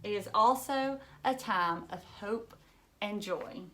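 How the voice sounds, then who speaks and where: Over some background noise, a woman with a mid-range voice slowly narrates a children's book. She reads like a teacher, keeping explanations simple and chatting to young listeners between passages.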